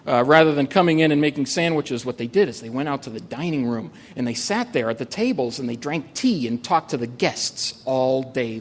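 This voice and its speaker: An American man tells a true story on stage at a live event, his mid-range voice carrying a slight hiss or hum. His humor is wry and dry, and he often fills gaps with "uh."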